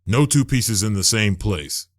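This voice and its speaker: A man voicing a male ex-Marine security captain who gives brisk orders. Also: lowish voice, expressive, no room sound, studio quality. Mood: commanding.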